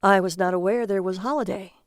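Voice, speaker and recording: A woman's voice: mid-range voice, steady tone, brisk, dry recording, studio quality, lightly acted. A woman voicing a polite, exasperated adult male traveler who is sometimes sarcastic.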